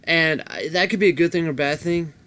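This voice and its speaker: A man's voice: on the high side, fairly quick, sharp tone. A young man hosting a solo podcast, rambling casually with lots of restarts and fillers. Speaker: podcast host.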